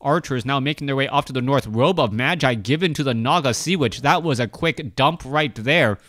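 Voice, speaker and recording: Recorded at studio quality with no echo, a man in his thirties gives casual play-by-play of a strategy game. His voice is mid-range and a bit bright, his pace normal, and he is a native Cantonese speaker who fills his talk with fillers and restarts.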